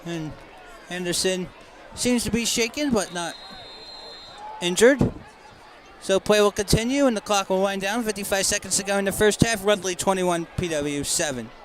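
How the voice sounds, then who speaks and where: A young man with a high voice calls a high school football game live, chatty and quick to echo the official calls. A crowd murmurs faintly and outdoor noise sits behind him. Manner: chatty, repeats the official calls, excitable on fumbles. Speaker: play-by-play announcer.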